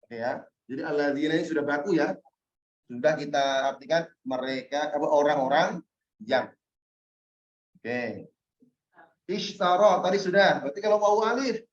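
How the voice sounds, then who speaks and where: A man's voice: on the high side, normal speed, pauses often. A man teaching an Arabic class, explaining step by step and checking in with his students, with an occasional chuckle. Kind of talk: online class lesson. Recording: roomy, muffled lo-fi sound.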